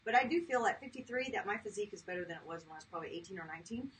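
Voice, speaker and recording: A woman's voice: mid-range voice, expressive, very fast, a bit bright. Chatty fifty-something woman guest, laughs easily, recorded from a distance. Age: 50s. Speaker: guest, chiropractor. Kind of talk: casual interview talk. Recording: distant mic with faint background noise.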